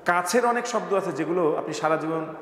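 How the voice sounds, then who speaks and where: A man's voice: fairly high pitch, brisk, a crowd in the background. A male teacher giving a classroom lesson on English pronunciation, playful and jokey, quizzing his students by name. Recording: echoey room with long reverb, faint background noise.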